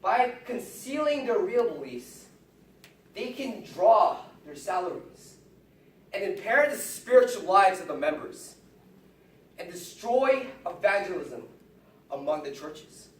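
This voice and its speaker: An orator giving an impassioned, combative religious speech in emphatic, declamatory phrases with dramatic pauses. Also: medium pitch, sing-song. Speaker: orator defending the Bible. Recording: distant, echoey hall-like sound.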